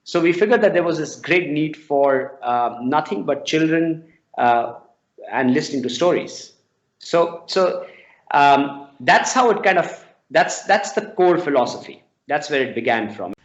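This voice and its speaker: A man in his forties with an Indian accent, the founder of a storytelling non-profit, answers interview questions with anecdotes and often repeats words while explaining. His voice is on the high side, animated and unhurried. The audio is dull and lo-fi.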